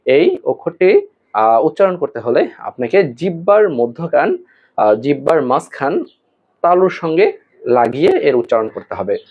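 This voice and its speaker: A male Quran teacher giving an online lesson, explaining how to pronounce Arabic letters slowly, with pauses and fillers, and drawing out the letters as examples. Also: on the high side, big pitch swings, breathy edge. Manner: slow and deliberate, with hesitation fillers, drawn-out model pronunciations. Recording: tinny phone-like audio.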